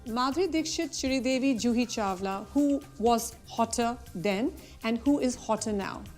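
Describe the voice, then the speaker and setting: A woman hosting a TV interview, upbeat and quick to laugh. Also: on the high side, faint music behind. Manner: bright, upbeat, laughs often. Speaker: talk-show host.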